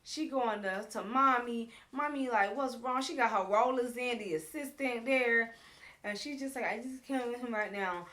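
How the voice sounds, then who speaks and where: Lively woman host with a higher voice. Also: normal speed. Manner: animated storyteller, acts out quotes; frank, talks straight to viewers. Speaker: show host recapping a reality series. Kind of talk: casual recap commentary.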